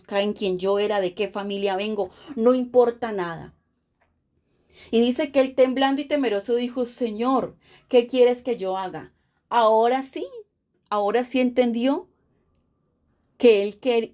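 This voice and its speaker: A woman's voice: medium pitch, darkish tone. A woman pastor, preaching an impassioned sermon with repeated phrases.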